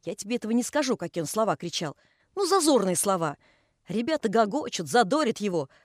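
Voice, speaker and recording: A woman's voice: medium pitch, very animated, brisk, no room sound, studio quality. A woman voicing a pious old male carpenter who scolds and tells long folksy stories. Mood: reminiscing. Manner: folksy, chiding.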